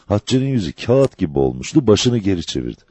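A man reading a dramatic novel aloud as an audiobook narrator, in an expressive storytelling manner. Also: low-pitched, fast, dry recording.

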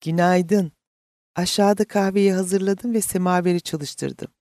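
A man's voice: high-pitched, fairly even intonation, measured pace, darkish tone, no echo, clean studio sound, voice pushed up. A man putting on an anxious young daughter. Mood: brisk, cheerful. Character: young adult woman, a caring, anxious daughter.

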